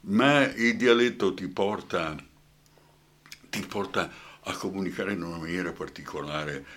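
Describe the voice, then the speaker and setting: Older guy with a brescian accent, really deep voice, fired up, keeps going "hai capito?". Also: measured pace, fairly bright tone, slight background noise. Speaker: actor guest. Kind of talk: radio interview chat.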